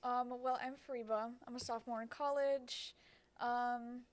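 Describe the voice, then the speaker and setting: Young female podcast guest, around twenty, slightly high voice, soft and trailing. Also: fairly even intonation, a little slow. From United States. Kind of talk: casual podcast talk.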